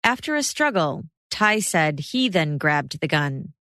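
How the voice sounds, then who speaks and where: Low-voiced woman narrating true crime. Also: no room sound, clean studio sound. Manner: measured, steady recap. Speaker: podcast host.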